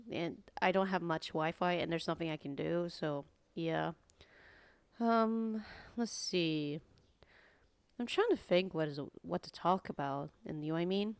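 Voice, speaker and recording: Sleepy woman with a deep morning voice. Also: clean tone, no echo. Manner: rambling, many fillers. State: sleepy, just woke up. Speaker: streamer. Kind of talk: casual chat stream.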